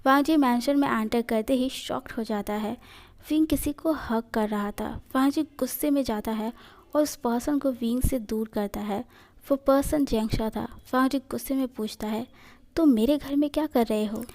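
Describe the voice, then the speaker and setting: Brief: woman storyteller, slightly high, warm and mellow, steady narration. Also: moderate pace. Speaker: fan fiction narrator.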